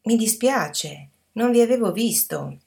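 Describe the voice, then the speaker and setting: A proud, clever teenage boy from a storybook, as a woman narrator puts him on. His replies come out stiff and reserved, lifted a little above her own low, gravelly voice. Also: animated, measured pace, darkish tone, recorded from a distance. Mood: apologetic.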